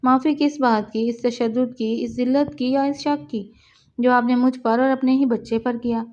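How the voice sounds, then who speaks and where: A woman's voice: on the high side, fairly even intonation, darkish tone, dull audio, natural voice. A woman reading the lines of a wronged young wife who speaks coldly and firmly in a storybook reading. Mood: bitter firm. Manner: cold, firm, bitter. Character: wronged young pregnant wife, bitter and firm.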